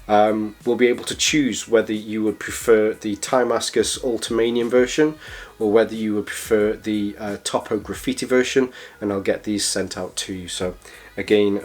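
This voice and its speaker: A man with a croaky, slightly hoarse voice, chatting casually and enthusiastically as he reviews a product, a little rambling and hesitant. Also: medium pitch. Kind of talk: casual review chat to camera.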